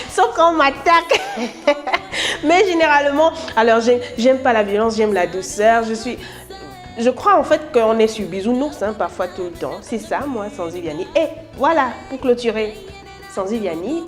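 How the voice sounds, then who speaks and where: A Cameroonian woman in her thirties, a musician introducing herself in an interview in a playful, chatty way, slipping between French and English. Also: on the high side. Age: 30s.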